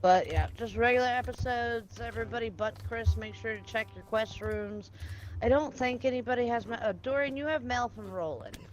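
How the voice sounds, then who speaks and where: A woman's voice: on the high side, a little fast. A woman hosting a casual gaming stream, playfully hyping each player with mock-grand introductions. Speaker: stream host. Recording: faint background noise.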